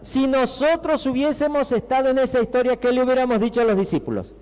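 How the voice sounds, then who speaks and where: A man with an Argentine Spanish accent preaching a sermon as a pastor, talking to the congregation with many rhetorical questions and acting out the shouting disciples. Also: extremely high pitch, fast. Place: church hall. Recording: long reverb of a church hall.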